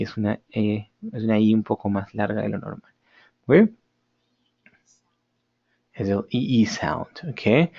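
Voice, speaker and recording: Switching back and forth between Spanish and English, this male teacher explains English grammar and pronunciation in a mid-range voice with vocal fry. He slows to demonstrate words and frequently asks "ok?", and the recorded lesson has a dull lo-fi sound.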